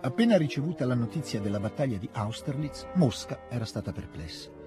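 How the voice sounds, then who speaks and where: A man narrating a classic novel in an audiobook, with a steady, expressive reading into a close studio mic. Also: medium pitch, brisk, over music. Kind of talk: scripted literary narration.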